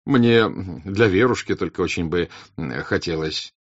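A man's voice: deep voice, animated, unhurried, no echo, dull audio. A man voicing an ingratiating young officer who asks favours in a sugary, polite tone. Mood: fawning.

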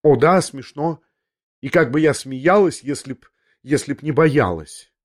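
A man's voice: on the high side, measured pace. A man reading an audiobook, voicing a young noblewoman who confesses in a breathless, restless way, half talking to herself, in a slightly raised voice. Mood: imploring. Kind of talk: audiobook character voice.

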